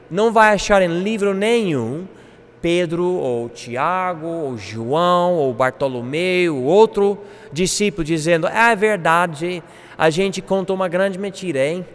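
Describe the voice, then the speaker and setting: A man teaching a Bible class, animated, acting out quoted speech. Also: high voice, in a large hall. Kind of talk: classroom lecture.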